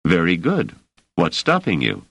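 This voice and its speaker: A man voicing a curious, polite male scholar with a measured, mildly wry manner. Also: low-pitched, huge pitch swings, vocal fry, fairly bright tone, slightly rough, no room sound, full character voice.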